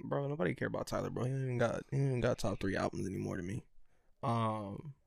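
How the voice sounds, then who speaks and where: A man's voice: mid-range voice, fast, creaky, a little mellow, no room sound, clean studio sound. A young man co-hosting a podcast, laid-back and slangy, swearing freely in casual chat. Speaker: podcast co-host.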